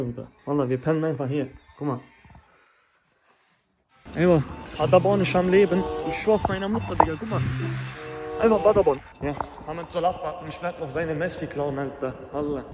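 High male voice, twenties, brash street slang, casual phone vlog, music behind. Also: moderate pace. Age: 20s. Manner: slangy, brash, loose broken grammar. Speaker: vlogger. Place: cars and streets outdoors. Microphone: phone at arm's length.

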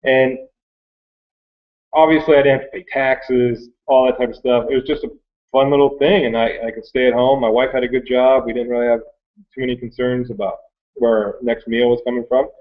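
Talking in a loose, conversational way, this thirtysomething online reseller from Michigan tells his story with an American accent. His mid-range voice stays fairly flat in pitch and runs a little quick. The thin, phone-like webcam sound captures him in a small, cluttered indoor workroom.

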